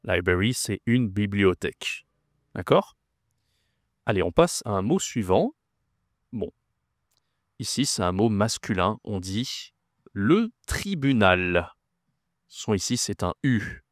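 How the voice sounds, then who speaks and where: Slow, patient male French teacher. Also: on the low side, big pitch swings, no echo, studio quality. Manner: patient, repeats words and checks understanding. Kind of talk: slow, clear vocabulary lesson.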